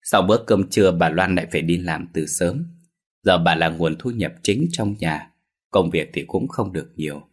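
Man, storyteller, low voice, husky, steady ghost-story narration. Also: normal speed.

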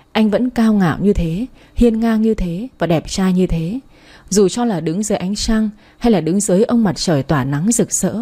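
Female narrator, warm mellow voice, heartfelt first-person romance reading. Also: mid-range voice, breathy edge. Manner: emotional, heartfelt. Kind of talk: scripted narration of a romance story.

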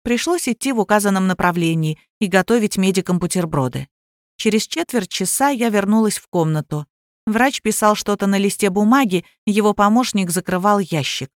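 A woman tells a story aloud at an ordinary mid pitch. The recording is dry and close, with no room sound. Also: normal speed, no echo. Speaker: audiobook narrator. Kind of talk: audiobook narration.

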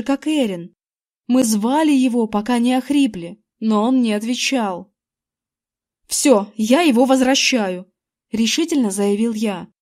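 A woman narrating an audiobook in the first person with lively, expressive storytelling. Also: a little high.

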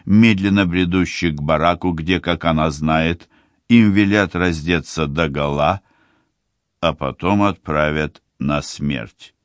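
A man narrating an audiobook in a measured, steady storytelling manner. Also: a bass voice, dry recording, studio quality. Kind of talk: scripted narration.

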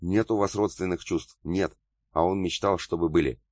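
Audiobook: male reader doing a haughty older widow, firm, low-pitched, dry close read. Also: fairly even intonation, normal speed, a little mellow, no room sound. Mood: stern. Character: stern proud older woman, a widow defending her late husband.

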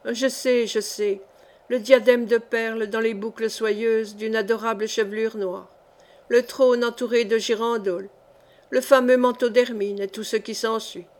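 A woman's voice: a little high, steady tone, unhurried, a little mellow, natural voice. A woman reading the lines of a poor young orphan man who mocks old legends, in an audiobook. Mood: mocking. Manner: light, teasing storyteller.

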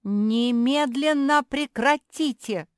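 A woman's voice: lowish voice, big pitch swings, a little slow, darkish tone, dry recording, studio quality. Woman doing a glum, sensible pug sister. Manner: glum and sighing.

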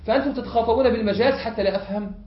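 A man with an Egyptian accent, teaching a lesson as a sheikh, often pausing to have students fill in the word and repeating points. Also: high voice, a little hiss or hum. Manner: asks the class to fill in words, repeats points. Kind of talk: classroom lesson. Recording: echoey hall, muffled lo-fi.

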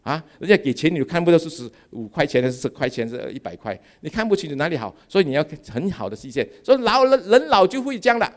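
Lively, animated pastor in his fifties. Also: fairly high pitch, fast, few pauses. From Malaysia. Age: 50s. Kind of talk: sermon.

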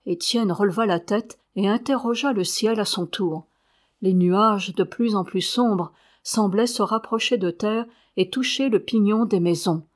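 A woman's voice: medium pitch, measured pace. Woman reading a novel aloud. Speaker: audiobook reader. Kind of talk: scripted narration of a novel.

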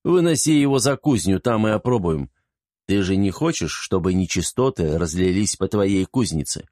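A man's voice: low-pitched, animated, normal speed, a little mellow, no echo, studio quality. A man reading an audiobook, voicing a witty, commanding young man who jokes and turns stern. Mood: playful. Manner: joking, then stern.

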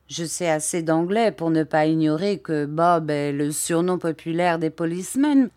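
A woman reads the part of a brusque police chief who has little patience for chatter. His replies come short and dry, at a slow, deliberate pace and a fairly low pitch. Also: darkish tone, no echo. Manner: dry, curt. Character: curt, impatient French police chief, middle-aged man.

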